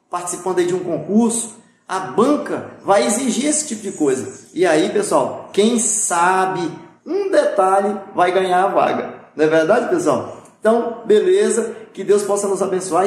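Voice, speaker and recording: A man with a high voice teaches a music theory lesson on video. He explains patiently, repeats himself and checks often with his students. The recording is very echoey, with a faint room hum underneath. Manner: patient, repetitive explaining with frequent "pessoal" and "tá?".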